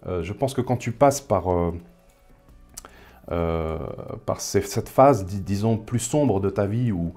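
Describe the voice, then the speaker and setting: Speaking slowly with lively intonation, this thirtysomething interview guest from the Paris suburbs has a lowish, dark-toned voice, with faint music in the background. His casual talk is thoughtful and full of hesitant fillers.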